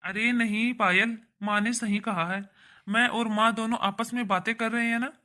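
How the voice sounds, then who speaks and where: Casting: woman playing a patient young cartoon son, placating and reasoning, bright and raised. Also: on the high side, steady tone, moderate pace. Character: young adult son, calm, patient man. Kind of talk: cartoon voice acting.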